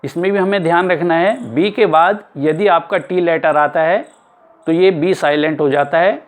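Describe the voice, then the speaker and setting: A male teacher giving an explanatory lesson, spelling words out letter by letter and repeating them slowly. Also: on the high side. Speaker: English teacher.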